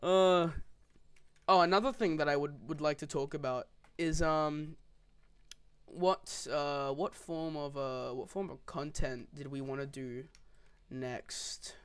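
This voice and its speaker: Young man, high voice, smooth tone, rambling casual chat, swears freely. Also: steady tone, slow. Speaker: podcast host. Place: home, gaming while talking.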